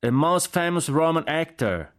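A man voicing a young American army driver who shouts his answers slowly and deliberately. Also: a little high, expressive, pitched above the performer's own voice. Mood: shouting.

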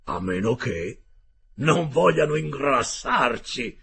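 A man voicing a blunt, hungry male harpooner who talks loudly, slowly and emphatically. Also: medium pitch, sing-song, vocal fry, a little hiss or hum, full character voice. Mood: gruff. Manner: loud, slow and emphatic.

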